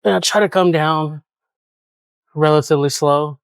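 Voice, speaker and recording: A man's voice: on the high side, moderate pace, creaky, clean tone, dry recording. Winded man explaining his gym workout. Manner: relaxed, explaining exercises while doing them. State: out of breath. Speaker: fitness vlogger. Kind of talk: casual workout vlog.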